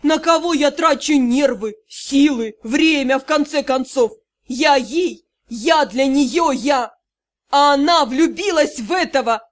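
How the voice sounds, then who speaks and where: A loud, exasperated young gnome man , read by a woman, rants and scolds with theatrical indignation. The pitch sits fairly high for a man, as a woman's audiobook voice stretches down to him. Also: takes it slowly. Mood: scolding. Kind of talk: audiobook character reading.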